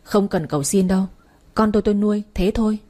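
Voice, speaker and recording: A woman's voice: medium pitch, fast, warm tone, natural voice. A woman voicing a cold, bitter young father who speaks curtly in an audiobook. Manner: curt and cold.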